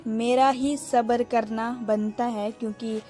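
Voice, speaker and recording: Taking it slowly, a young woman vlogger narrates in an easygoing, chatty manner and speaks directly to viewers she calls friends. Her voice sits slightly high, and soft music plays underneath.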